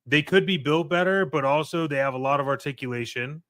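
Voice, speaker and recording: An American co-host on a podcast talks casually and slangily, dropping plenty of "like" and "right?". His voice is fairly high, brisk and fairly bright.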